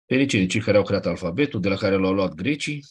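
A man with a fairly low, husky voice lectures on grammar. He explains patiently, point by point, and keeps checking that his students follow. He clears his throat now and then. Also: expressive. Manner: explanatory, asks 'nu?' and 'da?' to check understanding. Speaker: Ancient Greek teacher.

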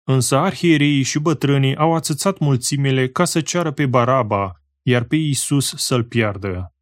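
Man reading scripture, slow and measured. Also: medium pitch, dry recording, clean studio sound. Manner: slow, measured, phrase-by-phrase delivery. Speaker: scripture reader. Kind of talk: solemn Bible reading.

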